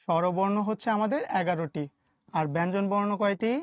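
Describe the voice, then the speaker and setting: A woman's voice: medium pitch, brisk, dry recording. A woman teacher giving an online lesson with a Bangladeshi Bengali accent. She keeps asking the class questions and then answers them herself.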